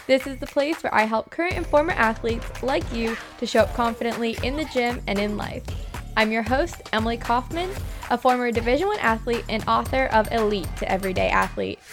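Chatty young woman, Boston accent, gravelly fry. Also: on the high side. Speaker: podcast host. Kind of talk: casual solo podcast talk.

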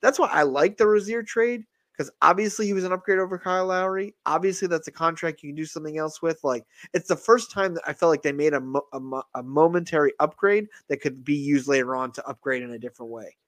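Man, slightly high voice, rambling sports podcast co-host, dry recording. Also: quick pace, few pauses, a bit bright, no echo. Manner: rambling, jokey. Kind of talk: casual sports podcast chat.

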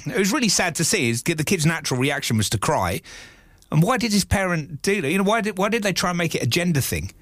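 Lively, higher-pitched man hosting a podcast. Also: fast talker, dry recording, clean studio sound. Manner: reflective, asks questions to steer the talk. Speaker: podcast host. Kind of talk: casual chat.

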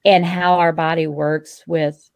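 A woman's voice: sits low, flat delivery, takes it slowly, vocal fry, no room sound. A woman in her fifties hosting a casual interview, chatty and frank, laughing often. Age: 50s. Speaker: podcast host.

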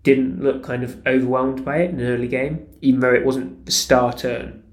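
Flat-voiced man in an echoey room. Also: mid-range voice, moderate pace. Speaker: football pundit. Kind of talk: casual football analysis. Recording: roomy echo.

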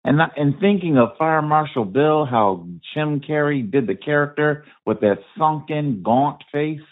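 A man's voice: fairly high pitch, expressive, unhurried. A man caller leaving a casual, rambling voicemail over the phone. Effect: phone line. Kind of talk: voicemail message to a podcast. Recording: tinny phone line.

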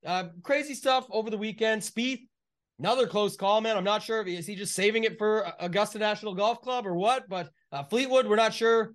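A man co-hosting a golf betting podcast chats casually about sport in loose, run-on, clipped phrases. His voice sits high and he talks briskly.

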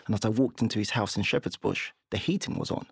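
A man, a guest telling lively stories in a casual podcast interview and laughing often. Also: fairly low pitch, quick pace, gravelly, breathy edge, no echo, clean studio sound. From London, England. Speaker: guest, property investor.

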